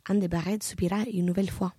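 A woman reads a novel aloud in a calm, measured way. Her voice is mellow and a little husky, recorded close and dry. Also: fairly low pitch, dry recording. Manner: measured, even literary reading. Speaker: narrator. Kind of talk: audiobook narration of a novel.

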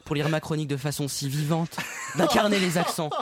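A man's voice: a little high, fairly quick, a little hiss or hum. A man hosting a live radio show, joking in a wry, dry way. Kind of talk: playful live radio chat.

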